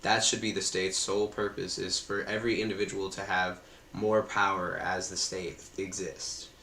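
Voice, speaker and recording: A man's voice: low voice, flat delivery, normal speed, sharp tone. A man hosting a casual political debate on a stream, easygoing and full of hedging fillers. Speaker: stream host debating a guest. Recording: echoey room with faint ambient hiss.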